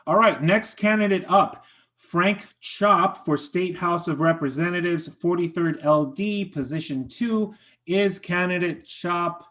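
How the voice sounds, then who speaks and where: A man with a slightly raised voice chairs a members' meeting over a video call. He moves through motions and votes briskly and politely, thanking each speaker. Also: high-pitched, fairly bright tone.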